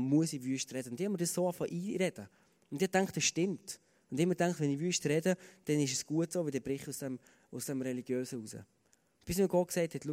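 Earnest Swiss German preacher in a reverberant hall. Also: male voice, on the high side, dark tone. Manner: earnest, conversational, with fillers and repeated starts. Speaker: pastor. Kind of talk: sermon with personal stories.

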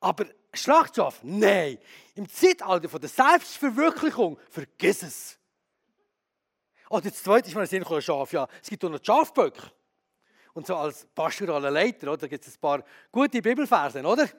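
A man preaching a sermon as a pastor, lively and candid, who often asks his audience questions. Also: sits high, moderate pace.

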